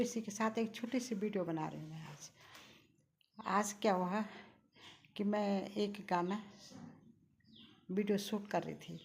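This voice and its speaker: A woman's voice: medium pitch, a little mellow, slight background noise. An older woman vlogger telling a personal story in a rambling, emotional and devout way. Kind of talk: casual vlog storytelling.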